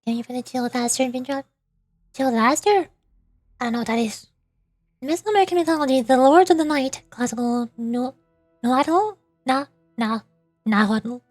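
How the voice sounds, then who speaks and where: This high-pitched woman streams games as a VTuber, animated and chatty at a moderate pace, with no echo and music playing behind her. She reads viewers' messages aloud in casual chat and trips over difficult names.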